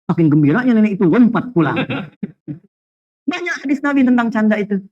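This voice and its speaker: A man preaching a lively sermon to a congregation, telling humorous stories, asking rhetorical questions, and weaving in Arabic phrases. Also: sits high, a little fast. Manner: animated storytelling with jokes and rhetorical questions. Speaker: Islamic preacher. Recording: dull lo-fi sound.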